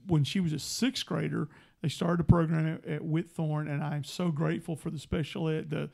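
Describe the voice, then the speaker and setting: A man's voice: a little high, moderate pace, gravelly. A middle-aged man, a guest telling family stories on a casual talk show and acting out the voices. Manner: animated storyteller, acts out family voices. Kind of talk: casual radio chat.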